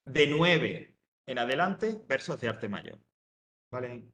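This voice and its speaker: A man's voice: mid-range voice, sing-song, slow pace, a bit bright. Teacher man explaining in an echoey room. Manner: explanatory, checks with "¿vale?", many fillers and restarts. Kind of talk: lecture to students.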